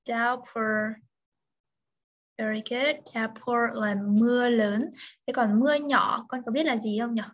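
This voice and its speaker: Over a video call, a woman tutors English, patiently correcting pronunciation word by word while mixing Vietnamese and English. She speaks slowly with a fairly high, fairly even voice, and the call audio is dull and lo-fi.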